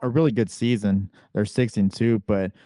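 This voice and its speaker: A man hosting a casual sports podcast, walking through game clips in a relaxed, chatty way. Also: on the low side, moderate pace, no echo, studio quality. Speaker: podcast host.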